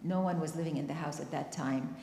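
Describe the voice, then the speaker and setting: Speaking a little fast in a low, gravelly, warm voice, a woman from Palestine tells her own story as a panel speaker at a community discussion. She is earnest and emotional, near tears. Her words echo around a church hall with faint background noise.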